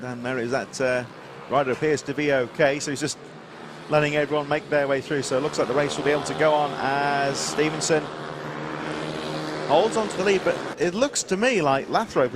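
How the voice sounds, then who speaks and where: A man's voice: mid-range voice, little pitch movement, fast. A man giving live motorsport commentary as race commentator, reeling off rider names and running order. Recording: noisy outdoor trackside sound. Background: vehicle and outdoor track noise.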